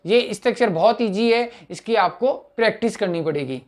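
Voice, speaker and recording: A man teaching spoken English in a casual lesson, explaining step by step with small acted dialogues and repeated examples. He talks haltingly, often pausing with "uh" and restarting words. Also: high-pitched, animated. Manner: halting, with frequent "uh" fillers and restarts.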